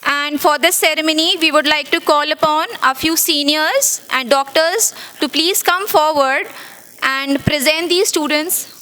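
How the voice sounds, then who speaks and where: A woman's voice: high voice, sharp tone. A woman hosting a college ceremony, politely calling people forward by name. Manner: polite, calls names one by one. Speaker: ceremony host. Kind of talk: formal event announcing.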